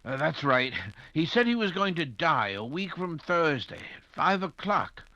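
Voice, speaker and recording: A flustered gentleman doctor, played by a man in an old-style radio mystery, stammering with worry. His voice is bright and fairly high with animated swings, in slightly dull sound. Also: a little slow, no echo, heavily acted. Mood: worried. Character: anxious, loyal, flustered English gentleman doctor, detective's companion. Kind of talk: 1940s radio drama acting.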